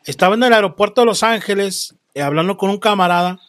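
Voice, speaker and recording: A man hosting a casual interview, telling stories in animated, slangy Mexican Spanish with swearing. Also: high-pitched, fast. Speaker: podcast host.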